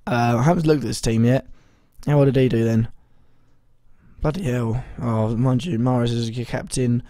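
A young man speaks in a warm, relaxed tone that is a little hoarse as his voice recovers. He rambles casually, hesitating often and correcting himself mid-sentence. The sound is dry and close, with no room around it. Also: medium pitch, normal speed, dry recording. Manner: rambling, hesitant, full of ums and self-corrections. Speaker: fantasy football vlogger. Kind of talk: casual video commentary.

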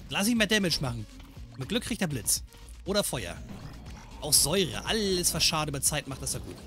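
Lively man commenting his gameplay. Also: on the high side, a little fast, soft background music. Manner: animated, joking, scolds the game's enemies. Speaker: gaming channel host. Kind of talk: let's play commentary.

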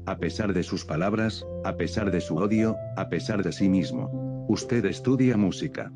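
A man narrating a science fiction audiobook in a measured, even storytelling manner. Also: low-pitched. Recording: music playing behind the voice.

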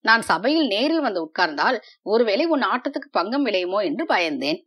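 A woman voicing a proud young male prince who teases and pleads in a storybook reading, with measured delivery. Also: mid-range voice, big pitch swings, fairly bright tone, slightly rough. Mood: hurt.

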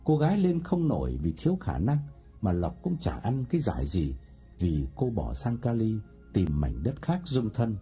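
A man narrating a short story audiobook in an expressive storytelling manner. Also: lowish voice, normal speed, soft background music.

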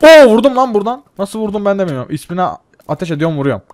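A young man with a fairly high voice commentates a game in a casual, excitable way, often breaking into laughter and curses. His voice sits close and dry, with no room sound. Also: rapid-fire, no echo. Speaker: gaming channel host.

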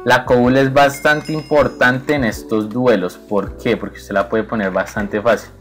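This young man speaks with a voice of ordinary middle pitch. He talks quickly and playfully over his gameplay, taunting his opponent and breaking into laughs. Soft music plays faintly underneath. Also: steady tone. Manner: playful, teasing the opponent, frequent laughter and exclamations. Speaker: gaming video creator. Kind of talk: excited gameplay commentary.

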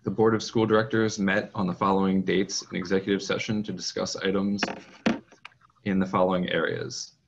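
Low, gravelly man chairing a board meeting. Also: little pitch movement, slight background noise. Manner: procedural, measured, with frequent fillers. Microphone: video call. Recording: muffled video call audio.

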